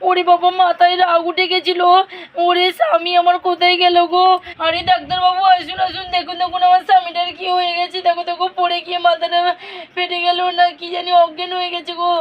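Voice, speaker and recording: A hot-tempered young village wife, played by a woman who scolds and wails in melodramatic fashion, for a doll puppet-show cartoon. Her voice is very high and stays on a flat, narrow tune. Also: fast talker. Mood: fretful.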